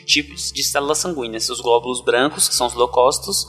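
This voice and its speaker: A male podcast panelist with a Bahian Brazilian accent. He explains things in a conversational way, at a very quick pace. His voice is bright and forward, with music behind it. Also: medium pitch, breathy edge. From Salvador, Bahia, Brazil.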